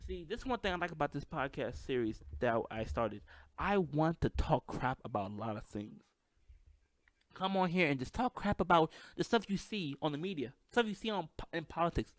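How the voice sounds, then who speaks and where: A man's voice: fairly high pitch, no echo, clean studio sound. A man with a slight lisp and a stutter, hosting a casual solo podcast, hyped and self-deprecating. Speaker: podcast host. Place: at home with microphone.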